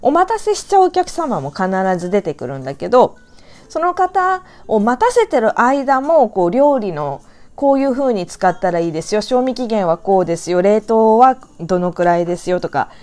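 A woman hosting her own talk channel, telling a story in a chatty, animated way and drawing out her sentence endings. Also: mid-range voice, moderate pace. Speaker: talk show host. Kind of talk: casual storytelling monologue.

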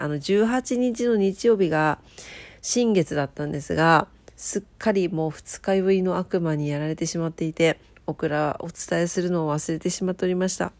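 Nasal, stuffed-up woman radio host, lowish voice. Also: darkish tone, no echo. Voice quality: nasal, congested from a blocked nose. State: stuffed-up nose. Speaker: solo radio show host, DJ. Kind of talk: casual chatty radio monologue with polite greetings.

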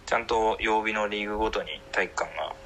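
A man's voice: fairly low pitch, fast, a bit bright, slight background noise. A young man who is a guest on a podcast, talking casually and politely with lots of fillers. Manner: polite, eager, full of fillers. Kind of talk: casual chat.

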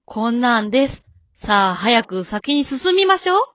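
A woman's voice: a little high, sing-song, moderate pace, fairly bright tone, no echo. A woman voicing a stern, composed elderly wife in an amateur radio drama, polite and cool with a scolding edge. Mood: calm. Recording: dull dry lo-fi recording.

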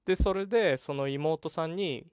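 A man's voice: fairly high pitch, moderate pace, clear, resonant tone, no room sound, studio quality. Chatty young man telling a story. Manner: chatty, animated retelling with laughs and voiced quotes. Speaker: podcast host. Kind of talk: casual solo storytelling.

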